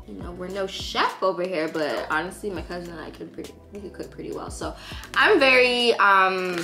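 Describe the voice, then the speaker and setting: Chatty young woman vlogging in a kitchen. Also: medium pitch. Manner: bubbly, chatty, talks to camera. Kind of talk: casual vlog chat. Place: home kitchen, indoors. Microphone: handheld phone camera at arm's length. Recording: echoey kitchen with music behind.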